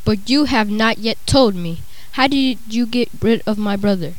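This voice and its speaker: A woman voicing a haughty male usurper lord in a measured, lordly way for a storybook tale. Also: medium pitch, lightly acted, poor audio. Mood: demanding. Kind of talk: dramatised storybook reading.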